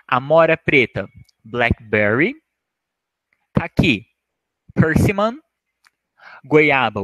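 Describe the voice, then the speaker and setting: A man's voice: mid-range voice, fairly bright tone, no echo, rough recording. A man whose first language is Portuguese, teaching a vocabulary lesson and repeating each word with careful emphasis. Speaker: English teacher.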